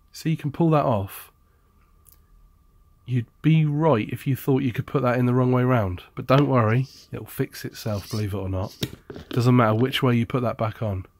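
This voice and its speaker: A man's voice: mid-range voice, dry recording. A man explaining appliance repair in a casual, chatty how-to style, blunt and jokey, with a sarcastic streak.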